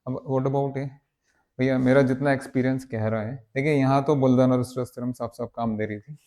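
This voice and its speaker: A man's voice: medium pitch, steady tone, a little fast, dark tone. A man teaching maths for an entrance exam, coaxing his students and repeating words for emphasis, with English phrases mixed in. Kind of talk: exam-prep maths lecture.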